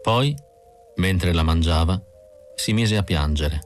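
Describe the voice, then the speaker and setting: A man reading an audiobook in a measured, even scripted narration. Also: sits low, faint music behind. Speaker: audiobook reader.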